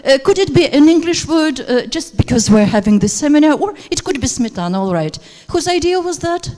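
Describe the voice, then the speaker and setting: A woman with a high, darkish voice speaks very animatedly and fairly quickly, with slight background noise present. She is a Russian-speaking teacher trainer leading a workshop lecture, hesitant and heavy on fillers. The seminar-room recording, made on a handheld mic, has hall reverb.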